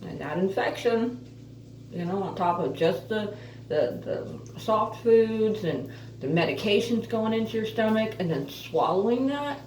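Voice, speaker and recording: A woman with missing front teeth and softly slurred F sounds gives a casual, halting, chatty update as an earnest vlogger. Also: lowish voice. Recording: roomy echo, distant mic, faint noise.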